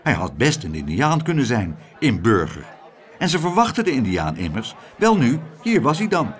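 A man reading a children's story aloud in a lively, expressive way. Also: medium pitch, normal speed, some chatter behind. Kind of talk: storybook narration.

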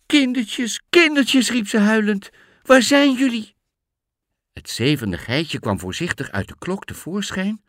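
A man reading a children's fairy tale aloud as a storyteller, expressive and playful. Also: mid-range voice, no echo, clean studio sound. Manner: expressive, lively read-aloud.

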